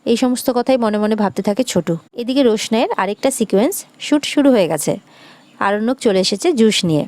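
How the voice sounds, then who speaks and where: A woman narrating a TV serial episode in a steady storytelling way, quoting each line of the characters. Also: a little high, quick pace. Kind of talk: retelling a TV serial episode with quoted dialogue.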